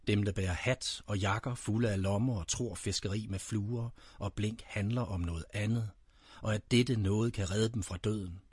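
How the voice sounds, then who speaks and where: A man reading dark, brooding spoken-word poetry, addressing a "you" directly. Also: on the low side, steady tone, slightly rough, no echo, studio quality.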